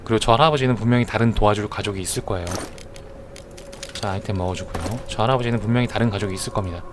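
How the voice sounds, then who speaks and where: A man's voice: on the low side, racing, background noise. Joking man streaming a game. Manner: joking, mock-earnest self-justifying chatter. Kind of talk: live game commentary. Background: music.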